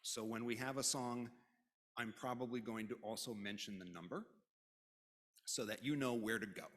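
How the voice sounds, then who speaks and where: Service leader, male, mid-pitched, wry asides while giving announcements, worship-hall reverb. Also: moderate pace, fairly bright tone. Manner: joking, informal asides. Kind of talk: conversational announcements at a religious service.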